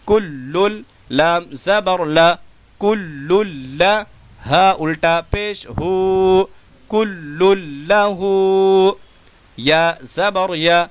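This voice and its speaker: With a Pakistani Urdu accent, a man teaches Quran recitation, spelling out Arabic words letter by letter and stretching each syllable, slipping in quick asides along the way. His voice is high and smooth, and there's no echo.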